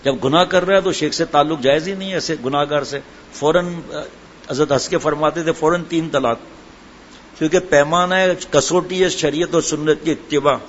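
A man's voice: fairly high pitch, steady tone. A man preaching a sermon and telling humorous anecdotes in a chatty way, full of asides. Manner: conversational storytelling, chatty asides. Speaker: religious preacher. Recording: dull lo-fi with faint background noise.

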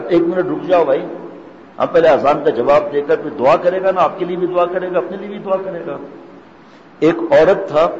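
A man's voice: a little high, a little mellow. A man giving a storytelling sermon, acting out the dialogue in his stories. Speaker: preacher. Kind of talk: sermon with anecdotes. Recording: dull echoey hall, faint noise.

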